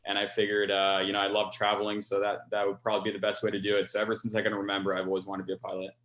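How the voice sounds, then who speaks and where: A man's voice: lowish voice, completely flat delivery, racing, a bit bright, echoey room, lo-fi sound. A young man in his twenties, a pilot, answering interview questions earnestly with many fillers. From France. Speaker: scholarship recipient, pilot.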